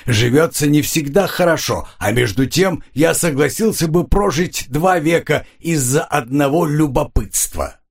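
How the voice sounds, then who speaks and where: A man voicing an excitable, jovial older army captain in an audiobook, speaking in exclamations. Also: on the high side, unhurried, creaky, slightly rough, full character voice. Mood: wry. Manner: exclaiming, enthusiastic.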